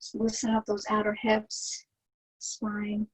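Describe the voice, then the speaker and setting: A woman teaching yoga, guiding the poses in a soothing, gentle manner with a slightly husky, breathy voice. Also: medium pitch, monotone, takes it slowly, low-quality recording. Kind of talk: guided yoga instruction.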